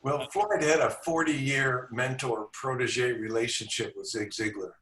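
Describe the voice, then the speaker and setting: A man's voice: medium pitch, measured pace, fairly bright tone. A man, a sales coach guest, giving confident, instructive advice on a video call from a room. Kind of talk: podcast interview. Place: indoor room with a back wall. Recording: roomy sound, distant from mic.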